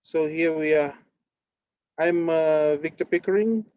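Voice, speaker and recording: A man, giving a halting, filler-heavy talk over a video call from on board a ship. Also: on the high side, darkish tone, clean tone, dry recording, highs cut off. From Fiji. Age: 30s. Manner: halting, many fillers and restarts. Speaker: activist presenter.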